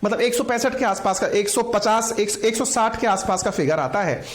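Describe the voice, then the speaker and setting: A man teaching a lecture to online viewers. He talks in a lively way and keeps asking his listeners questions. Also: high voice, moderate pace. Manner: lively, asks viewers questions, calls them companions. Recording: roomy echo.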